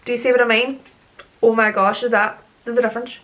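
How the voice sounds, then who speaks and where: A woman's voice: a little high, little pitch movement, fairly quick, fairly bright tone. A young woman chatting casually through her makeup routine as a beauty vlogger, rambling and tripping over her words as she laughs at herself. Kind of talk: casual makeup tutorial chat.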